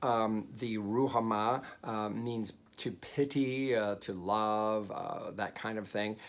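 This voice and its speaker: A man's voice: fairly low pitch, steady tone, takes it slowly. A man leading a Bible study, teaching conversationally with many fillers and restarts and explaining Hebrew words.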